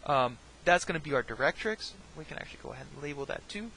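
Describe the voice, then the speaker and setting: Gravelly, bright-voiced man teaching math. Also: fairly high pitch, lively intonation, fast talker, slight background noise, rough recording. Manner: talks through steps, often checking with "right?"; jokey, self-deprecating asides. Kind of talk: recorded math lesson.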